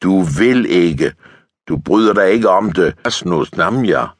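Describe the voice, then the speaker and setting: A man's voice: low-pitched, animated, dry recording. A male audiobook narrator playing a bitter, coarse tank lieutenant who swears and talks bluntly.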